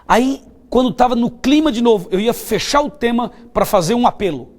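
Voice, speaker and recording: A man's voice: very high voice, expressive, moderate pace. A man with a Brazilian Portuguese accent, preaching a televised sermon as a pastor, telling stories in a conversational way and asking his listeners questions.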